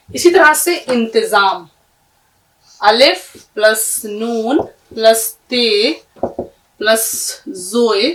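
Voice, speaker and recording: A woman teaching script, spelling out words letter by letter in a patient, slow way. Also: fairly high pitch, a bit bright, recorded from a distance. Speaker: Urdu teacher. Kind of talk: spelling lesson, writing on screen.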